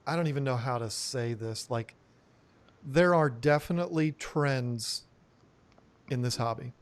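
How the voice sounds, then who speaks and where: A man's voice: mid-range voice, a little slow. A man hosting a live stream, chatting casually, rambling and laughing as he loses his train of thought. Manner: rambling, laughs often, trails off mid-sentence. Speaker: host of an aquarium live stream. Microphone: new studio microphone.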